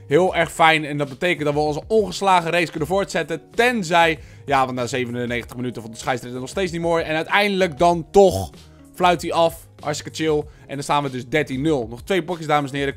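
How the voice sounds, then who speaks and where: A slightly high-voiced young man from the Netherlands talks his viewers through his football game in loose, chatty commentary and shouts when something big happens. He mentions that he has a headache. Faint game music plays underneath. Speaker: gaming video host. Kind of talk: casual gameplay commentary.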